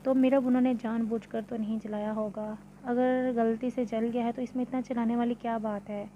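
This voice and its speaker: A stern, exasperated middle-aged mother, as a woman narrator puts her on, reproachful and lecturing in a storybook reading. The voice is mellow and fairly even. A slightly dull recording, with a faint hum behind it. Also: a little high, a little fast, natural voice. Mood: reasoning.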